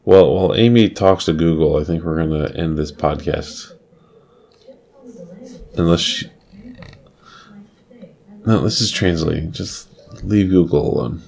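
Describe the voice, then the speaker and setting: A man co-hosting a casual family podcast as a father, with dry, low-key humor. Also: a little slow, gravelly, long pauses, darkish tone.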